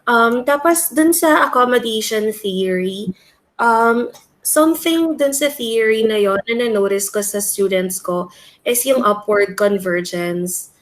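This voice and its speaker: A woman teacher talks through what she has seen in her classroom, mixing two languages in a relaxed discussion. She thinks aloud, pausing on frequent fillers as she lays out her examples. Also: on the high side, slight background noise, rough recording. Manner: thoughtful, many um fillers.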